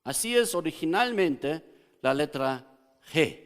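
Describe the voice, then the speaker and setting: A man's voice: a little high, big pitch swings, slow. A man preaching a teaching sermon as pastor, explaining step by step and often checking in with his congregation. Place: church hall. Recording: long hall reverb.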